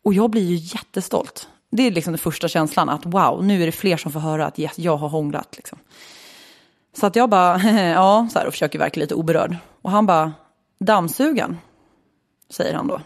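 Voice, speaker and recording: A woman in her late twenties from Sweden, telling a personal story in casual chat, candid and swearing freely. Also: lowish voice. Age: 20s.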